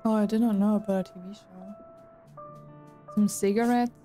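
A woman's voice: mid-range voice, fairly even intonation, moderate pace, warm tone. A woman, chatting casually to her viewers while playing a game. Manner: chatty, talks to chat. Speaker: streamer. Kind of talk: casual gameplay commentary. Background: game music.

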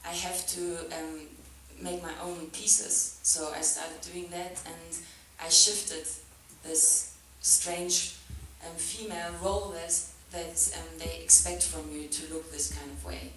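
A young German woman, speaking English as a non-native, talks about her art as a festival guest from a sofa on a theatre stage in front of an audience, using a handheld mic. Her voice is on the low side and sharp in tone, with little pitch movement, a slow pace and hardly any pauses; she's thoughtful, laughs often, and uses many "like" and "um" fillers. The hall is very echoey, she's far from the camera, and a little hiss or hum is audible.

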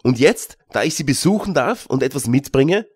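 A man's voice: medium pitch, expressive, normal speed, husky, no echo, clean studio sound. A man reading an audiobook, voicing an anxious teenage goldsmith apprentice who turns fiercely indignant. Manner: fearful, then fiercely indignant.

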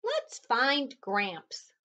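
A woman reading the lines of an eager young girl who leads the search in a storybook, in a slow, expressive storybook delivery. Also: high-pitched, pitched above the performer's own voice, exaggerated voice.

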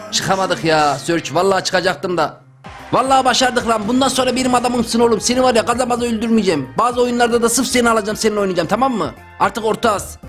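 Loud excitable young man, gameplay commentary. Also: high-pitched. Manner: loud, exclamatory, joking. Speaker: gaming YouTuber.

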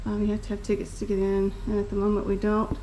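A woman's voice: medium pitch, monotone, fast, warm tone, slight background noise, rough recording. Chatty woman vlogging on a trail. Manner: chatty, pointing out sights. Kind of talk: casual walking commentary. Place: outdoor wooded trail.

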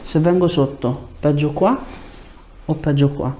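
Slightly high and mellow, the man's voice stays steady and unhurried, with a little hiss or hum on the lapel mic. He's a chiropractor in his thirties in a small indoor treatment room, explaining to a patient with short directive prompts, instructions and questions.

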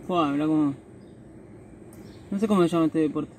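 A man's voice: on the high side, moderate pace, warm tone, recorded from a distance. A young man with an Argentine accent, chatting casually as he films a trip to a lake. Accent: Argentine Spanish. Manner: chatty, asks questions, talks to a dog. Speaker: vlogger. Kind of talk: casual travel vlog. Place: outdoors by a lake, then inside a van. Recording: faint outdoor noise.

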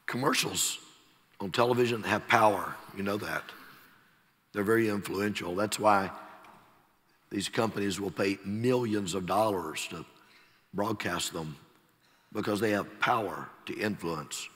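A middle-aged man with a Texas accent, preaching a sermon slowly and emphatically, letting his phrases fall away softly at the ends. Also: on the low side. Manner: slow, emphatic preaching with soft trailing endings. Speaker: pastor. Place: large church sanctuary. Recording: long church hall reverb.

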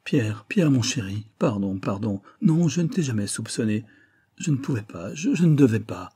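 A man's voice: mid-range voice, normal speed, mellow, slightly rough, lightly acted. A man reading an audiobook voices a wealthy young widow, a countess, with a pleading, emotional manner. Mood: tearful. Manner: pleading, breathless, tearful.

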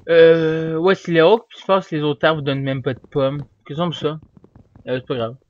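A young man talks his way through a game in a loose, rambling stream. He easily bursts into yelling at what happens on screen. His slightly high voice comes through a dull, dry home microphone. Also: steady tone, normal speed, dry recording. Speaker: gamer. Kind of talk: casual gameplay commentary. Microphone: desk microphone.

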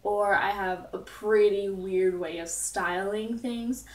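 A woman's voice: medium pitch, fairly even intonation, slow pace, roomy sound, distant mic. A teenage girl vlogging casually from her bedroom, rambling and giggly with lots of asides. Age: teens. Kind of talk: casual chatty vlog.

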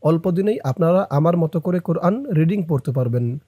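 A man's voice: a little high, expressive, warm tone, no room sound, studio quality. A man teaching Quran reading who chants verses and breaks them into syllables, repeating them for learners. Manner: measured chanting recitation. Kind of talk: Quran reading lesson, recitation and spelling drills.

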